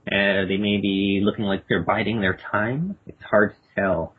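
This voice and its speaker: A man narrating a tabletop game as game master, halting and repeating words as he describes the scene. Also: fairly low pitch, fairly even intonation, slightly rough. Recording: tinny phone-like podcast audio.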